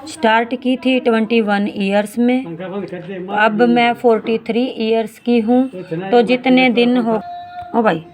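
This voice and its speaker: A woman in her forties teaching a maths lesson, reading English word problems slowly and explaining each step in Hindi, calling her students beta. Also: a little high, steady tone, darkish tone, soft background music. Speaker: math teacher.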